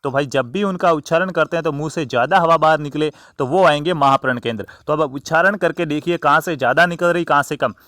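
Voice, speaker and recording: A man's voice: fairly high pitch, fast talker, hardly any pauses, a bit bright, no room sound. Quizzing male teacher, dry close sound. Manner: repetitive, quizzing with questions he answers himself. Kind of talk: classroom lesson on grammar.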